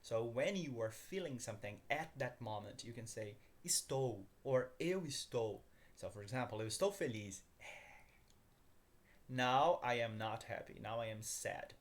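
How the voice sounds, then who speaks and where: Brief: Brazilian man teaching Portuguese in English, animated pitch, upbeat, repeats examples slowly. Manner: upbeat, repeats phrases slowly, laughs at himself. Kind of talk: language lesson, mixing English explanation with Portuguese examples.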